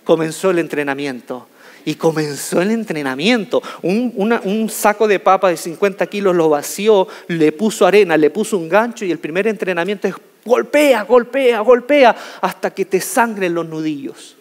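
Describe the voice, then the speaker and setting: A man telling a humorous personal story to an audience as a motivational speaker, in an animated, jokey way, stretching out key words. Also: high-pitched, normal speed. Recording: reverberant hall.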